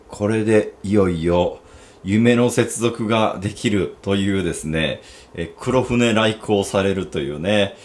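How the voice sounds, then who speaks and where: A man with a Kansai accent hosting a casual gadget unboxing review, chatty and thinking aloud with lots of fillers. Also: sits low. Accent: Kansai Japanese. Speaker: gadget reviewer and channel host.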